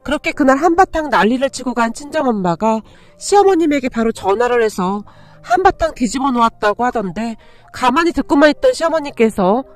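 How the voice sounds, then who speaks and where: High-voiced woman reading a story. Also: brisk, dry recording. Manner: steady storytelling. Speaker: story narrator. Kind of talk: first-person story reading. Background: faint background music.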